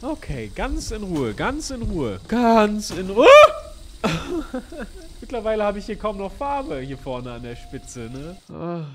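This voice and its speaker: A man's voice: high voice, wildly swooping pitch, slow pace, background noise. A man commentating a horror game in a let's-play, jumpy and jokey, yelping and exclaiming often. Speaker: gamer. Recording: voice over game music.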